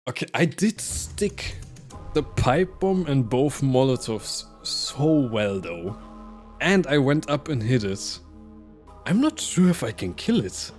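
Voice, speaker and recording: A man commentating live on his own gameplay in a casual, animated way, swearing and laughing at his mishaps. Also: medium pitch, slow, long pauses, faint music behind. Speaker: streamer playing a game.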